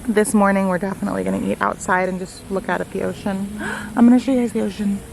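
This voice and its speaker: A young nursing student vlogs on her phone outdoors at a beach resort, her medium-pitched voice raspy from being sick, talking fast with fairly even intonation. She narrates chattily to "you guys," saying "like" a lot. The sound is roomy, with loud crickets and chirping insects.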